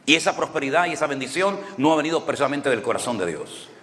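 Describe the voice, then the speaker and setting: A man's voice: on the high side, lively intonation, fast, fairly bright tone, big-room sound. A man preaching a sermon in Canarian Spanish, telling stories in a conversational way and often asking rhetorical questions. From Canary Islands. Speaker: pastor.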